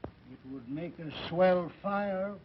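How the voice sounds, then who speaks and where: An actor playing a slangy, drawling comic sidekick in an early talkie film comedy. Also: male voice, sits high, slow. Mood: droll. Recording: dull, noisy 1930 film soundtrack.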